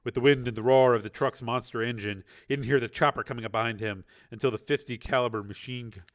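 A man's voice: medium pitch, fairly even intonation, fast. A man reading an action novel aloud as a dramatic, intense narrator. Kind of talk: dramatic audiobook-style narration.

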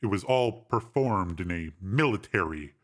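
A man reading a story aloud, voicing a formal, composed male bodyguard in a deep, measured voice. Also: animated.

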